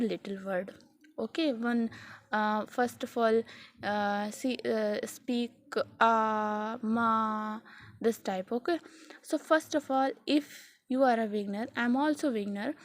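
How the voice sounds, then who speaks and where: Slow, hesitant Indian English woman. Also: on the high side. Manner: halting, many fillers and restarts, repeats "okay". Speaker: English learning vlogger. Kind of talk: casual spoken lesson.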